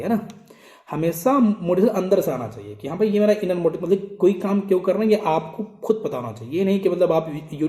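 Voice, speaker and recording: A man's voice: on the high side, mellow, echoey room. A young man who teaches at a coaching institute gives students informal, scolding study advice and repeats his points to drive them home.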